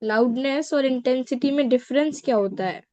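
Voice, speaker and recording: A woman's voice: high-pitched, moderate pace, dark tone, no room sound. A female student politely asking her teacher questions in class. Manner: polite, addresses teacher as sir. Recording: dry, dull lo-fi sound.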